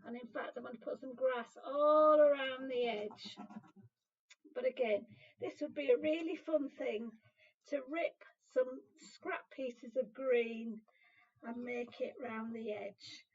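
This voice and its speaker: A woman with a British accent presenting a craft session for small children, talking in a gentle sing-song way with simple questions, as if reading to a toddler. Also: high voice, takes it slowly. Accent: British English. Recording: slightly dull lo-fi sound.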